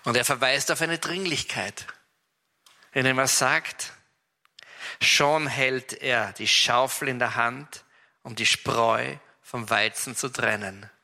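A man's voice: mid-range voice, steady tone, takes it slowly, creaky, bright, forceful tone. A man with an Austrian accent preaching, retelling a Bible story in a chatty way and speaking straight to the listener. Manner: chatty, addresses listener directly.

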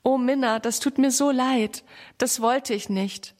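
A woman's voice: a little high, unhurried, long reverb tail. A woman voicing an eager little boy in a children's story. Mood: sorry. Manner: eager, pleading.

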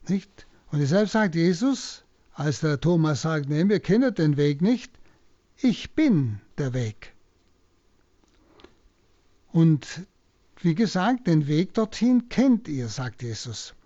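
A man, a priest, slowly and deliberately explaining a Bible passage on a radio broadcast. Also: fairly high pitch, very animated, dark tone, no echo, dull audio. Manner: slow, deliberate teaching. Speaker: priest giving a Bible talk.

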